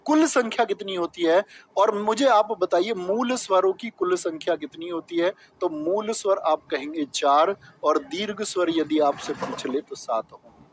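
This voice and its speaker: A man's voice: high voice, unhurried, slightly rough, poor audio. A man teaching a grammar lesson for exam prep, explaining step by step and asking questions he then answers himself.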